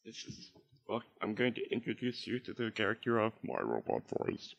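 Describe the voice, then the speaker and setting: A crude, deadpan male robot as a man puts him on speaks in a low, gravelly, mechanical voice. The pitch still rises and falls widely. It sounds dull and lo-fi. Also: normal speed, heavily acted. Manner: flat, mechanical robot delivery.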